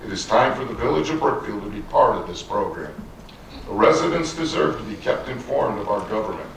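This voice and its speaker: A man's voice: on the low side, sing-song, brisk, gravelly, fairly bright tone. A man running for local office delivers a prepared closing statement at a public forum. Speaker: village board candidate. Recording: very echoey hall, distant mic, faint noise.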